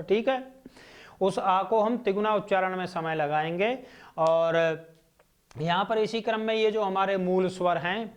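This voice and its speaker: A male teacher with a Hindi accent gives a classroom lecture, drawing out each vowel sound and answering his own questions. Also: sits high. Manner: asks questions and answers them himself.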